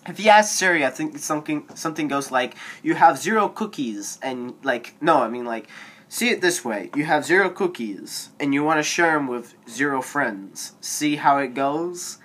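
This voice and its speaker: A man's voice: a little high, expressive, moderate pace, a bit bright. Teen boy vlogger on phone cam, rambling advice, filler-heavy, voice cracks at times. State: voice cracking now and then. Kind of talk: casual advice monologue to camera. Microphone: phone camera.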